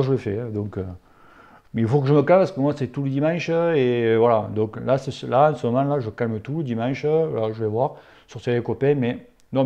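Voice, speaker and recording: A man's voice: medium pitch, creaky, dark tone, lo-fi sound. A man hosting a casual cycling Q&A, talking in a blunt, familiar and outspoken way with crude slang. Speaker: cycling channel host answering viewer questions. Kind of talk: casual spoken Q&A.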